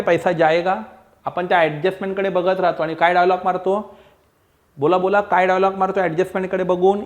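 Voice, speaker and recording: Coaxing male accounts teacher, slightly high. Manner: coaxing, repetitive, mixes Marathi, Hindi and English; acts out student replies. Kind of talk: online classroom lecture.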